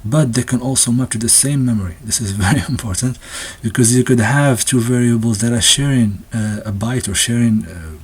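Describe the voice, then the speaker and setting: A man explaining a textbook's ideas in a casual unscripted talk, halting often with restarts and fillers and sometimes laughing nervously. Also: medium pitch, slightly rough. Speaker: presenter discussing a textbook.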